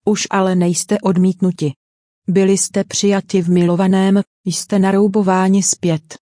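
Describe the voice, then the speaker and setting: A woman's voice: medium pitch, little pitch movement, dark tone, no echo, studio quality. Earnest woman reading a dubbed sermon. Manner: earnest, direct storytelling preaching. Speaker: voice-over translator of a preacher.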